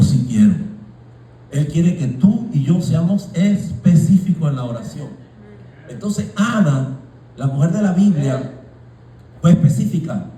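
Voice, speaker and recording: Dark-voiced preacher echoing from afar. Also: male voice, on the high side, a little hiss or hum. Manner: preaching with rising shouts and colloquial asides. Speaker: pastor. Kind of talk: sermon. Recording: echoey room, voice from far off.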